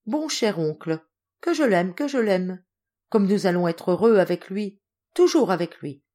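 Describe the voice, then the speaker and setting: A woman's voice: medium pitch, animated, a little slow, warm tone, natural voice. A woman voicing an affectionate, eager young noble daughter who speaks fervently and effusively.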